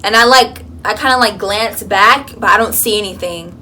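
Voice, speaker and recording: Bright-voiced young woman telling a story. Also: medium pitch, normal speed, slight background noise. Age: young adult. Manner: animated storytelling, lots of fillers. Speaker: vlogger. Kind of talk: casual chat. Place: college dorm room.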